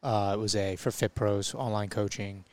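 Emphatic man in his thirties, smooth low voice. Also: little pitch movement, normal speed, a little mellow. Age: 30s. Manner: emphatic, repeats points for weight. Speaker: podcast guest, brand co-founder. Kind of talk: casual podcast chat.

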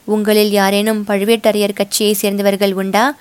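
A woman voicing a fierce, loyal boatman's wife who shouts in shrill, impassioned bursts. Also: little pitch movement, moderate pace, clear, resonant tone, no echo, lightly acted. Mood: rousing. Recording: dry close recording.

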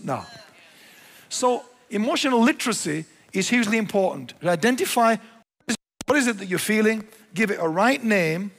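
A man's voice: high voice, vocal fry, fairly bright tone, big-room sound. A male pastor preaching a sermon, emphatic and repeating his key phrases.

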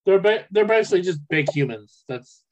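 Someone with a mid-range voice chats casually while gaming, sounding animated and fairly quick and often trailing off mid-sentence. It comes through a speakerphone, so the audio is dull and lo-fi.

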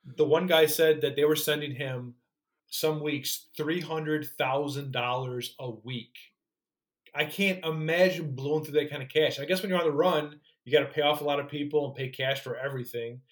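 A man's voice: on the high side, moderate pace. A man co-hosting a podcast in casual chat, recapping a story animatedly and swearing now and then.

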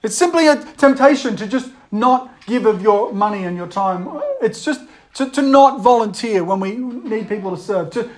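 A preacher giving a sermon, reading old verse slowly and acting out the voices of tempters. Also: medium pitch, animated, darkish tone.

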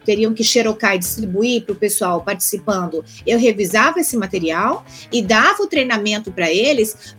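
A woman's voice: fairly high pitch, fairly bright tone, breathy edge. A woman with a Brazilian Portuguese accent, a conference interpreter chatting casually as an interview guest, rambling through lists and restarts.

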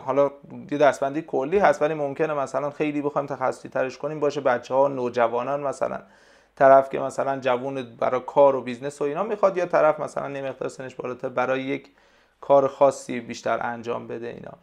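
A man, a language tutor, talking casually in an interview and explaining things hesitantly with many pauses and fillers. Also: mid-range voice, fairly even intonation, vocal fry. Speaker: language tutor, podcast guest.

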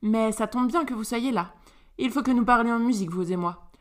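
A woman's voice: a little high, brisk, natural voice. A woman voicing a vain, cold aristocratic mother and violinist, haughty and dismissive, in a storybook reading.

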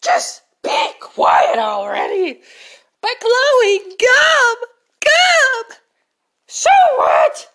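A woman voicing an impatient, scornful girl who shouts insults in a homemade comedy skit. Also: extremely high pitch, huge pitch swings, very slow, gravelly, voice pushed up, full character voice. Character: grumpy, impatient girl Chloe who yells.

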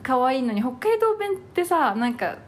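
A woman's voice: high voice, very animated, normal speed, darkish tone, slight background noise. A woman in her thirties from Hokkaido with a light Hokkaido accent, co-hosting a podcast in rambling, giggly casual chat. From Hokkaido, Japan. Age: 30s. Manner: chatty, giggly, rambling with fillers. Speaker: podcast co-host.

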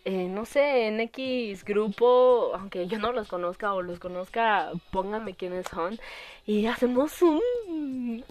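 A woman's voice: medium pitch, expressive, slow pace, darkish tone. A young woman with a Mexican Spanish accent, hosting a podcast in a giggly, gushing casual chat. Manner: gushing and giggly, with frequent laughs. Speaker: podcast host.

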